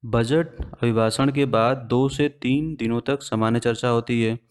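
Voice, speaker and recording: A man gives an exam-prep lesson. He moves step by step, often putting a question to the class and then answering it himself. His voice sits at an ordinary middle pitch. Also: fairly even intonation, unhurried, clear, resonant tone. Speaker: teacher.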